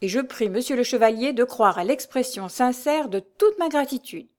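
A woman's voice: on the high side, expressive, moderate pace, a little mellow, lightly acted. A woman playing an oily, fawning swindler. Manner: ingratiating, obsequious. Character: scheming smooth-talking Paris swindler, middle-aged man.

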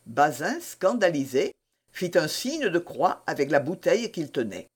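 Expressive audiobook narrator, lively pitch. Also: a little slow, slightly rough. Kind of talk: classic novel audiobook narration.

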